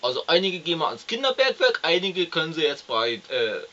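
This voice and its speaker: A man's voice: on the high side, sing-song, a little fast, pushed and bright, dull audio, pitched above the performer's own voice. A man playing a callous, lazy young unemployed father in a comedy sketch, complaining and stammering.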